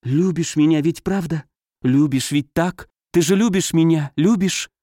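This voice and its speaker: A man's voice: on the high side, unhurried, warm tone, no echo, studio quality, close to an everyday voice. A man reading the part of an anguished young noblewoman, pleading in breathless outbursts. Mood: feverish. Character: anguished young noblewoman, a marquise, tormented and feverish.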